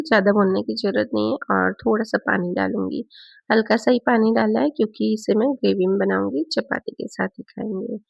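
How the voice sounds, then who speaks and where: A hoarse woman from Rajasthan, India, talks through her cooking in a chatty home-vlog voice-over. Her voice has a gravelly edge and a mid-range pitch. The recording is dry and a little dull and lo-fi. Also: dry recording. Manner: chatty, explains each cooking step. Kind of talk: casual voice-over narration.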